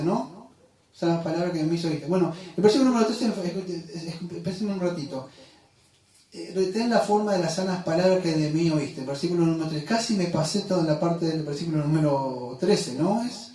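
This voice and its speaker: A man's voice: on the high side, darkish tone. A man preaching a sermon as pastor, talking conversationally, correcting himself and quizzing the congregation. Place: church hall. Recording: echoey room, mic at a distance.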